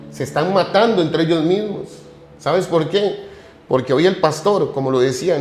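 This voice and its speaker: A man's voice: a little high, darkish tone. A man hosting a church podcast, preaching fervently and piling up rhetorical questions. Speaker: podcast host. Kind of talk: sermon-like commentary. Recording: echoey room with music behind.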